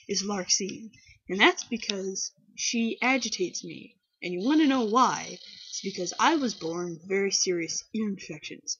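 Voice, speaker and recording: A woman's voice: a little high, breathy edge. A young woman answering viewer questions in a candid, rambling, casual chat and telling stories. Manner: candid, rambling, animated storytelling. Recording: dull lo-fi webcam audio.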